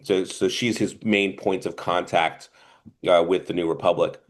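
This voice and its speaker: Lower-voiced rambling man with a Jersey accent. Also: fairly even intonation, normal speed. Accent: New Jersey. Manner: rambling, stop-and-start delivery. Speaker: podcast co-host. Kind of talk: casual film review chat.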